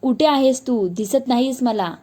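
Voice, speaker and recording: A woman narrator voicing a drunken, bullying husband who shouts angrily, in a storybook telling. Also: medium pitch, a little fast, lightly acted. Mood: angry. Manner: angry, shouting.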